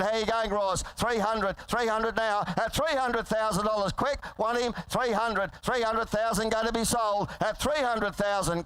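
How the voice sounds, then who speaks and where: Male auctioneer, high-pitched, clear tone, urgent repetitive bid chant, rapid-fire sales patter, livestock sale. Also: a bit bright, low-quality recording. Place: live yearling sale.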